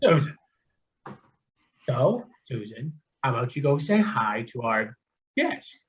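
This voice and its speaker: A man's voice: mid-range voice, very animated, takes it slowly, lo-fi sound, slight background noise. A man doing a rambling, flustered old-fashioned dad. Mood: fatherly. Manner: flustered, easily sidetracked, stammering. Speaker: father in a comedy sketch. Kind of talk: amateur comedy sketch acting.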